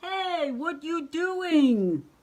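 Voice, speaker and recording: A woman voicing a greedy childlike cookie-loving monster, speaking slowly and drawn-out. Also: fairly high pitch, a bit bright, pitched above the performer's own voice. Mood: demanding. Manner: slow, drawn-out, pleading.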